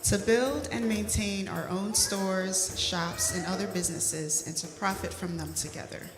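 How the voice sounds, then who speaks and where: A woman from Ghana sharing a personal reflection at a church service, measured and pausing with frequent ums. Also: mid-range voice, a crowd in the background. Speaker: congregant reading a Kwanzaa principle. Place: church sanctuary. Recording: reverberant church hall.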